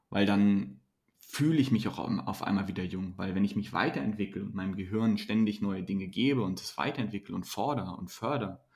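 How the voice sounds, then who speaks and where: A male coach speaks in a fairly low voice. He answers interview questions earnestly, pushing motivation and self-development. He often repeats or restarts words as he builds his point. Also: a little mellow. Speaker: mentoring coach.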